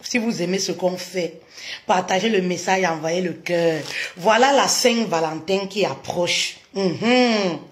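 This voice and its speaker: Woman hosting a live sales stream; drawn-out, easygoing talk, loops her hellos. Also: lowish voice. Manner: chatty, repeats greetings over and over. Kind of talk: casual live-stream chat.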